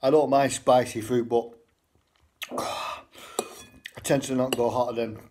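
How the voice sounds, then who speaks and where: A man's voice: medium pitch, level tone, unhurried, darkish tone. A man with a blunt, sweary, self-mocking way of talking, speaking casually during a spicy food taste test while talking between bites of noodles. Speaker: vlogger.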